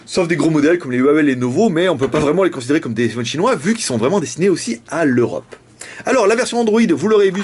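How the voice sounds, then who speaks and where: A man's voice: on the high side, breathy edge. A young man with a casual, jokey manner, reviewing a phone and often laughing. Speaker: tech reviewer.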